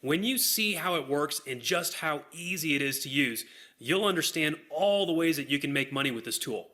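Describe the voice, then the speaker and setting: A man hosting a software demonstration, walking through it in an upbeat sales manner. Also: fairly high pitch, lively intonation, moderate pace. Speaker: software demo host. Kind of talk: product demonstration.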